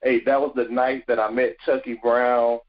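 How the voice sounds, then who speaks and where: A man, telling animated stories as a podcast guest, often repeating words and saying "you know". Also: medium pitch, normal speed, dull audio. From South Carolina, USA. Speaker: guest, former football player. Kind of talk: storytelling in a podcast interview.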